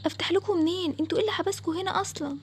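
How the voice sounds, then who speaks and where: A woman's voice: very high voice, racing, a little hiss or hum, pitched above the performer's own voice. A woman with an Egyptian accent voicing a bold young boy who confidently reassures and coaxes. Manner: confident, reassuring, hushed at times. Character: bold young boy Adam, daring treasure hunter.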